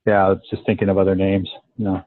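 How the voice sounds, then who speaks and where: A man in his fifties answering coaching questions in a thoughtful, halting way with many pauses and ums. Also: sits low, monotone, no echo. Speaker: coaching student. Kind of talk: live coaching demonstration. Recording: tinny phone-like call line.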